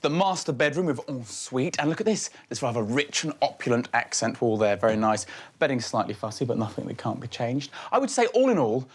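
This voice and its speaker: A man presenting a property show, touring a house and narrating with playful puns and theatrical asides. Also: medium pitch.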